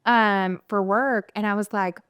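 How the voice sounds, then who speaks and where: A woman with a Southern accent hosting a podcast interview, asking questions in an encouraging way and tossing in quick asides. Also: mid-range voice, fairly even intonation, fairly bright tone, clean tone, dry recording, studio quality. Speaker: podcast host. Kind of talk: casual interview chat.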